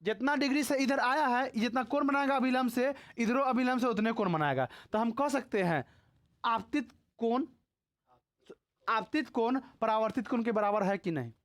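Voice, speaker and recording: A man's voice: very high voice, moderate pace, no echo. A male school teacher with a Bihari Hindi accent lectures a live class on physics. He talks to the students in short repeated questions and checks whether they have understood. He mixes in scolding and teasing. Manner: repeatedly quizzes students, scolds and teases them.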